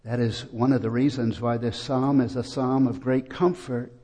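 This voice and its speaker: A man preaching a sermon as a pastor, in a slow and measured way with dramatic pauses. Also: mid-range voice, fairly even intonation, dark tone, slightly rough.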